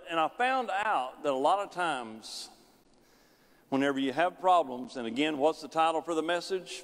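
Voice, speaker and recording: A sermon from a middle-aged man who moves across the stage of a spacious sanctuary, his preaching veering between high and low, loud and soft. The church hall adds a lingering reverb.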